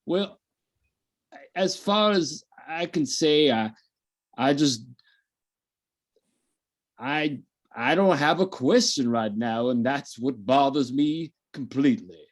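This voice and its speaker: An anxious participant worried about his own questions, played by a man in improv. He speaks slowly. He stammers and restarts his sentences. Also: mid-range voice, animated. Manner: hesitant, stammering. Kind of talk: improv comedy.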